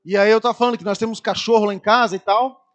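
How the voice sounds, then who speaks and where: A man preaching a Sunday sermon with a Brazilian Portuguese accent, telling lively personal anecdotes and acting out people screaming. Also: sits high, quick pace. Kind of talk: storytelling sermon.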